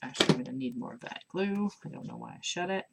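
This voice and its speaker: A woman's voice: very deep voice, lively intonation, fast talker, gravelly, very noisy. A woman teaching a live craft class, chatting casually and mumbling to herself as she works. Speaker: craft instructor.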